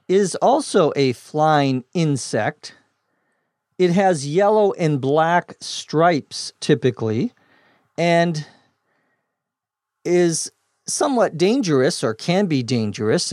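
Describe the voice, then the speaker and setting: A man's voice: on the high side, a little mellow, no room sound, clean studio sound. A man teaching English vocabulary, explaining words plainly and spelling them out letter by letter. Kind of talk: slow scripted vocabulary lesson.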